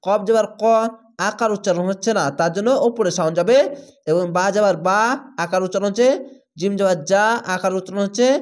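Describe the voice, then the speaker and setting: A man teaching Quran recitation rules in a tutorial, speaking slowly and repeating each sound aloud as a drill. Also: sits high, darkish tone.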